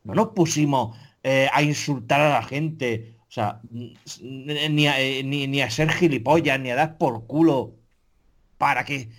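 A man's voice: mid-range voice, unhurried. A man, a podcast co-host ranting in casual chat, profane and exasperated, full of restarts.

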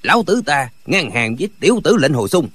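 Man doing blustering male bandit, gruff, husky, lively pitch. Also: a little fast, heavily acted.

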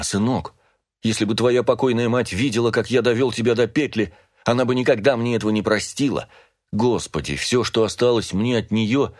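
A man's voice: on the low side, no room sound, clean studio sound, natural voice. A man voicing a grief-stricken middle-aged father who pleads with his son, emotional and rising to anguished cries, read as an audiobook character. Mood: remorseful.

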